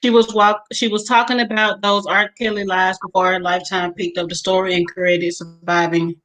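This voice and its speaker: A woman's voice: medium pitch, level tone, normal speed, a bit bright, rough recording. A woman co-hosting a casual chat, reading viewer comments aloud with a few hesitant fillers.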